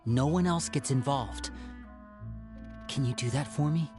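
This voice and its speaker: A woman's voice: extremely low pitch, a little slow, music in the background. A woman voicing a suave, theatrical, scheming young man and older brother in an anime game. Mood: earnest, conspiratorial.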